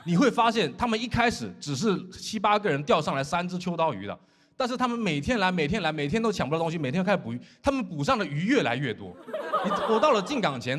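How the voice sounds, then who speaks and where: A man from Fujian performing a stand-up comedy set on stage, telling stories in an animated way and mimicking his shipmates in dry, flat asides. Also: a little high, slight background noise. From Fujian, China. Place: comedy stage before a laughing audience.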